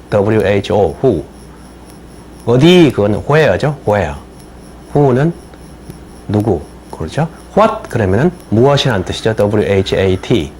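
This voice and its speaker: An older attorney whose native language is Korean gives a slow, explanatory lecture on citizenship English, spelling words out letter by letter and repeating phrases slowly. His voice is fairly low and darkish, with slight background noise.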